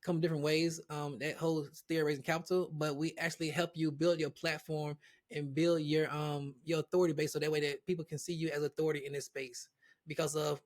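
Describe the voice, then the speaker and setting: A man who is a guest on an interview show, talking casually about his platform with many restarts and repeated words. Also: fairly high pitch. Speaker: guest, real estate platform founder.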